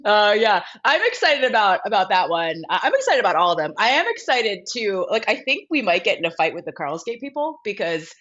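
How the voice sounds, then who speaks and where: A woman co-hosting a casual show, excitable and gushing, talking through a cold. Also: mid-range voice, fairly quick, few pauses. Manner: excitable, gushing, says "freaking" a lot. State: has a cold. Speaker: co-host. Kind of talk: casual podcast chat. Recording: dull lo-fi sound.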